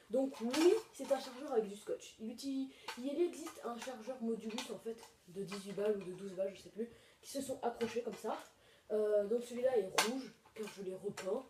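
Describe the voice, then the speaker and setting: A woman hosting a casual home video review, rambling with lots of hesitations. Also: on the high side. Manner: rambling, many hesitations and fillers. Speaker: video host reviewing toy blaster magazines. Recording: echoey room, mic far off, noisy.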